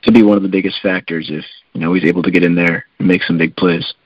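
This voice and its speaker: A man co-hosting a casual sports podcast, relaxed and hedging, with lots of fillers. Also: low voice, quick pace, breathy edge, no echo, dull audio. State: coughing. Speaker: podcast co-host.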